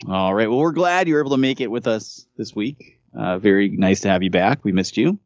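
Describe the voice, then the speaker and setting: A man's voice: lowish voice, animated, brisk, no room sound. A man hosting a casual podcast, upbeat and joking, with showy intros for his co-hosts. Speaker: podcast host. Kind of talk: casual chat. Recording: dull dry lo-fi mic.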